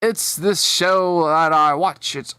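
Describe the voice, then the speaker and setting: A man voicing an excitable little boy cucumber who talks slowly and eagerly, in a dry-sounding fanfic reading. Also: on the high side, clear, resonant tone, dry recording. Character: small excitable boy cucumber, wide-eyed. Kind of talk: storybook voice acting.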